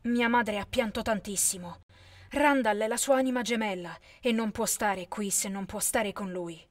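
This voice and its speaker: A woman voicing a teenage boy who talks low and quietly. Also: normal speed, no room sound, studio quality, natural voice. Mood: bitter. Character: teenage boy, calm and let down.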